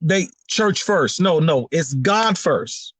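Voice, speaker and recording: A man hosting a casual livestream talk, lively and joking in banter. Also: a little high, slow pace, husky, no echo. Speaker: host.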